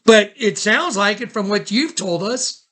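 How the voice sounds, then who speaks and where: On a recorded phone call, a man with a high, bright voice uses casual wording but sounds urgent and insistent, repeating himself while directing the others. He speaks a little slowly.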